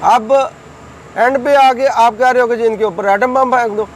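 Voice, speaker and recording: A middle-aged man from Pakistan delivers heated political commentary in a high voice. He speaks combatively and accusingly, repeating phrases to hammer his points home, with a faint hum of outdoor traffic behind him. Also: steady tone, rough recording. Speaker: political commentator hosting his own channel.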